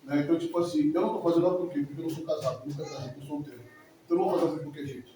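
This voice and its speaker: A man in his forties tells his story to a church congregation at a quick pace, emotional and rambling, often circling back over the same words. His voice sits high for a man. He is picked up from a distance in a very echoey hall, with faint noise behind him. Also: fairly even intonation, dark tone. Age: 40s. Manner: emotional, rambling, repeats himself. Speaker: church member giving testimony. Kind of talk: spoken testimony in church.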